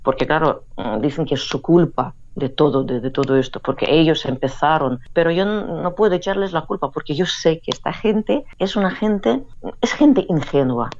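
A woman's voice: low voice, animated, normal speed, darkish tone. A woman from Russia, a Russian native speaker, talking as an interview guest, often searching for words and restarting her sentences. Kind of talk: conversational interview. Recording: dull lo-fi remote line with faint noise.

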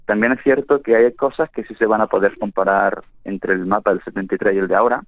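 A man being interviewed on the radio as a linguist, explaining in a halting way with frequent restarts. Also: lowish voice, fairly even intonation, no room sound. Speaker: linguist guest. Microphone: telephone. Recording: tinny phone line into a radio studio.

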